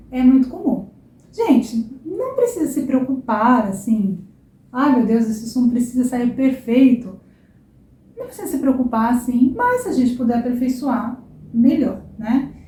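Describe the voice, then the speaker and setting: A woman's voice: on the high side, mellow, roomy sound. A Brazilian woman teaching Portuguese pronunciation, stretching and exaggerating vowels to demonstrate them and checking in with the learner often. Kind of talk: language lesson to camera.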